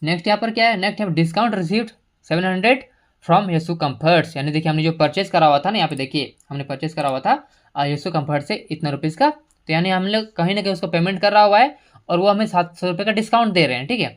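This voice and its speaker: Low-voiced woman teaching step by step. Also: fast talker. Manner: steady step-by-step explaining, mixing English terms into Hindi. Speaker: computer accounting teacher. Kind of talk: screen-recorded software tutorial.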